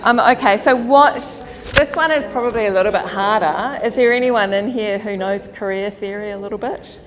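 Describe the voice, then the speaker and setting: With a medium-pitched, fairly bright voice at normal speed, a Kiwi woman who works as a career counsellor presents a chatty workshop to a meeting-hall audience. She laughs a lot, and the recording has long hall reverb.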